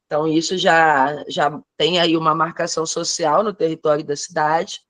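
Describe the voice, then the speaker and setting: A woman speaks in a lowish, measured voice on a video call. Her sound is close and dry, with no room around it. She talks in a reflective way, often checking in with "né?". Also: fairly even intonation, a bit bright, no echo. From Rio de Janeiro. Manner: thoughtful, measured, frequent "né?" tags. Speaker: teacher in a training course.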